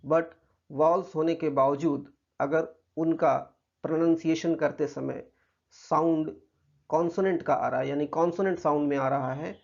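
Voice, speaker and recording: A man with an Indian accent teaches a grammar lesson in a gravelly, slightly raised voice. He explains patiently and reads out English examples slowly. The recording is muffled and lo-fi. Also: a little high, darkish tone.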